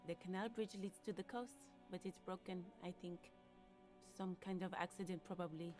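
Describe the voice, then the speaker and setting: A timid, guarded gardener from a video game, voiced by a woman, who speaks politely and hesitantly. Soft music sits faintly in the background. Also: fairly low pitch, fairly even intonation, normal speed, natural voice.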